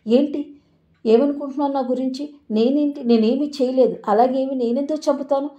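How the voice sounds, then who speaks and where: A woman's voice: high voice, fairly even intonation, fairly quick, mellow, lo-fi sound, pitched above the performer's own voice, lightly acted. A woman voicing a lovesick young woman who pleads that she did nothing wrong. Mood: defensive. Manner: defensive, pleading.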